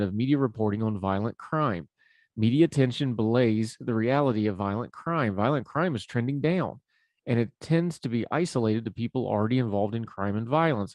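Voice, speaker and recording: A man with an Appalachian accent speaks in a mellow, relaxed voice, close and dry. He hosts a talk show with folksy, conversational commentary on the news. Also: on the low side, no room sound. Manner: folksy, informal address.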